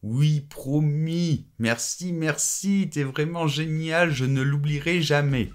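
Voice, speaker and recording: A man's voice: on the high side, slow. A man playing an anxious young father pleading with a coworker in a scripted French lesson dialogue. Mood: grateful. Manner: pleading, apologetic.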